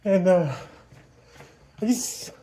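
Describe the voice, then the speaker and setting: A man's voice: high-pitched, lively intonation, extremely slow, dark tone. A man talking casually to his vlog while out on a run, rambling through his opinions in an informal way. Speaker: vlogger.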